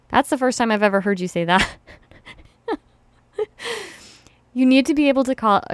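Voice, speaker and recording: A woman's voice: fairly low pitch, fairly bright tone, smooth, no room sound. A woman hosting a casual podcast who teaches rope classes, explaining step by step and laughing easily. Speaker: podcast host and rope bondage instructor.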